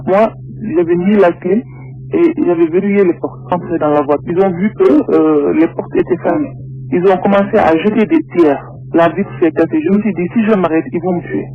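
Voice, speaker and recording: A man's voice: sits high, brisk. A man with his voice disguised by a voice changer, giving hesitant eyewitness testimony over the phone and stumbling on repeated words. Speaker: anonymous eyewitness caller. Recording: narrow phone line.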